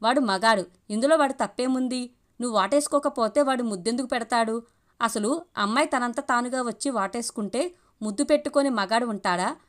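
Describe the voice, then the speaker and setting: A woman's voice: a little high, a little fast, close to an everyday voice. A woman voicing a cocky young man who taunts and argues smugly in a story reading. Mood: taunting. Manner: taunting, smug, long argumentative speeches.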